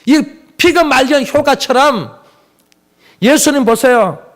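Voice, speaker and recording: Animated high-voiced male pastor preaching. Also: a little slow. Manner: emphatic, rhetorical questions to the congregation. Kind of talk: sermon.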